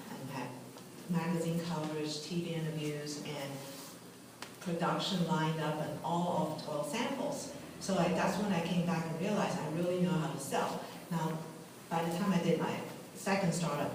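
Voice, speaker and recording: A woman's voice: low voice, background noise. Candid woman investor, echoey far room. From Taiwan and Gambia. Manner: candid, laughs at her own asides. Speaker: venture capital partner. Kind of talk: talk to a live audience. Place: meeting room at a tech club.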